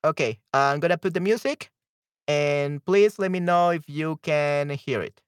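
A man's voice: on the high side, moderate pace, clear, resonant tone, no echo. A man hosting a livestream, chatting casually and hesitantly, thinking aloud as he goes, close to the microphone. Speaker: livestream host. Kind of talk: casual livestream chat, troubleshooting audio.

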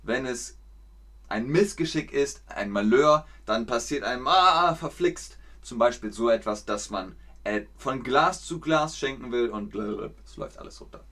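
A man's voice: medium pitch, a bit bright. A man teaching German expressions in a casual live lesson, playfully acting out exclamations. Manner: slow, playful, acts out exclamations.

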